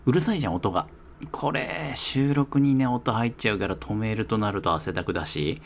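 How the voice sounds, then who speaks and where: A man from Japan's Kanto region hosts his own casual solo radio talk show, reading listener letters in a chatty, playful, self-mocking way. His voice is lowish, with slight background noise.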